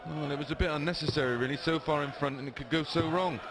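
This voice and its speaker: A man's voice: fairly high pitch, steady tone, fast talker. A man giving conversational live darts analysis as co-commentator, with a noisy crowd behind him. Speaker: co-commentator and former darts player.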